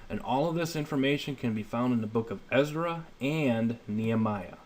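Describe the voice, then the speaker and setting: A man in his thirties, his voice medium in pitch and a little mellow at a normal speed, leads an informal Bible study and reads scripture. He explains things plainly, one step at a time, and keeps checking that listeners understand. The recording is a noisy homemade voice-over.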